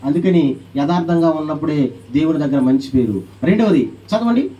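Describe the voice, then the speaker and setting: Man, pastor, sermon, high voice, very lively pitch, calls on the congregation to answer, acts out quoted voices. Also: normal speed, far from the mic, muffled recording. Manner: animated preaching, calling the congregation to answer aloud.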